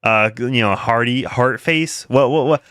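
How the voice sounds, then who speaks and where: A man's voice: medium pitch, measured pace, a bit bright, smooth, no echo, clean studio sound. Laughing, rambling young man streamer. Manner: rambling, laughs often, frequent fillers and restarts. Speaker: commentary streamer. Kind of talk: casual livestream commentary.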